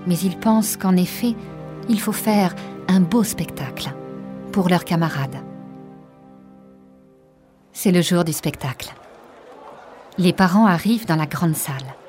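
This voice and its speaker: A woman reading a storybook aloud for learners, very slowly and with careful articulation. Her voice sits low and warm, and faint music plays behind her. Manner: slow, even and carefully articulated. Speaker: audiobook narrator. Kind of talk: slow, clear narration of a learner's reader.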